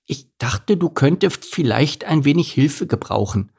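A small lisping donkey, Elimar. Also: male voice, a little high, expressive, measured pace, vocal fry, darkish tone, breathy edge, voice pushed up, heavily acted. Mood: concerned. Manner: breathless, pleading. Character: small exhausted lisping male donkey, timid.

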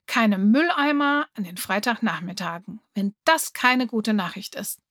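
A woman's voice: medium pitch, lively intonation, a little slow, fairly bright tone, no echo, clean studio sound. A woman voicing an eager, cheerful schoolgirl in an audiobook reading. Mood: excited.

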